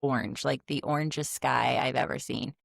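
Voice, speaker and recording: A middle-aged woman co-hosting a podcast, chatty and animated as she recounts family travels. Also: rumbling low, normal speed, gravelly, no room sound, studio quality. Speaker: podcast co-host. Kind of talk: casual storytelling chat.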